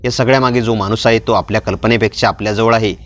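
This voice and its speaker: Man reading older auntie, shaky and hushed, frightened. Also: fairly low pitch, steady tone, fast, natural voice. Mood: fearful. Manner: trembling, hushed.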